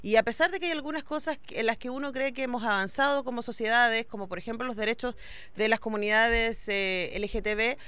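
Radio host lady, bright crisp voice, dry studio sound, long winding questions. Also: on the high side, brisk, no echo. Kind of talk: radio interview.

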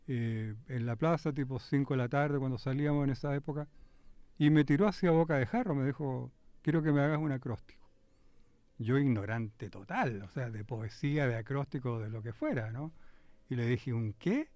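A man's voice: medium pitch, normal speed, dry recording. An older man with a Chilean accent, a poet guest telling anecdotes in an easygoing, self-deprecating way. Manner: relaxed, self-deprecating storyteller. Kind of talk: anecdotal interview storytelling.

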